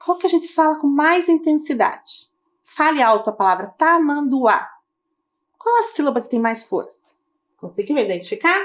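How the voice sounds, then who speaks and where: A woman teacher giving a video lesson to children, speaking slowly and clearly and asking the pupils questions. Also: high-pitched, sing-song. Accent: Brazilian Portuguese.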